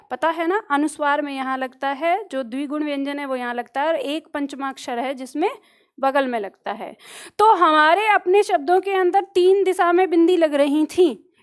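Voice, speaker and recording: Teacher lady, pretty high voice, explaining letters and asking the class first or second. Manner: quizzes students with pronunciation choices; explains at a board with pointing words. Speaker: Hindi teacher. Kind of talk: classroom lecture.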